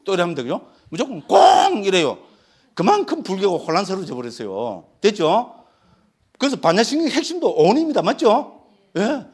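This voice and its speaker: A man's voice: high-pitched, sing-song, brisk, breathy edge. A middle-aged man giving a Buddhist dharma talk as a monk, emphatic and forever asking his listeners if they follow. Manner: emphatic, constantly checking with listeners; mimics chanting and shouts.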